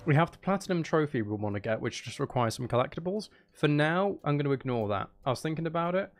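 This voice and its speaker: A man whose voice is a little high talks fast and animatedly while streaming games. Also an audiobook narrator, he rambles through casual chat and game commentary in a self-deprecating manner.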